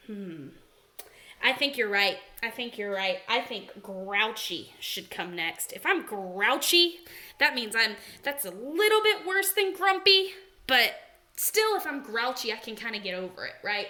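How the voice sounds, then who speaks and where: A young woman teaching second graders a word lesson, animated and sing-song, gasping with excitement as she talks to the children. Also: a little high, measured pace. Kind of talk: remote read-aloud lesson for young children.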